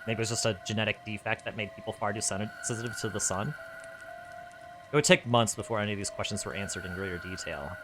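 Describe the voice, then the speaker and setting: A man reading his own story aloud in an animated way, laughing at his own asides. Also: lowish voice, fast talker, music in the background.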